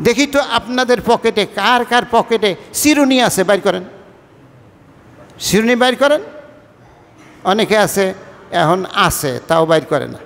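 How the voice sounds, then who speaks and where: An imam from Barishal-Patuakhali, Bangladesh, preaches a Friday sermon in Bengali coloured by a Barishal accent. He keeps it conversational, weaving colloquial and formal speech together and often questioning the worshippers. His high, slightly bright voice has lively intonation and moves at normal speed with frequent pauses, echoing in a big room.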